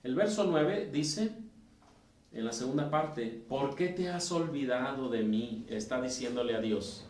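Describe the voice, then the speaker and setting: Mexican deacon teaching in a roomy church. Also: male voice, medium pitch, a little mellow. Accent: Mexican Spanish. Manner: reads scripture aloud and explains, with pauses and self-corrections. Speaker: deacon teaching a Bible lesson. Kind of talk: Bible study lesson. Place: church room. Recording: roomy, distant mic with faint noise.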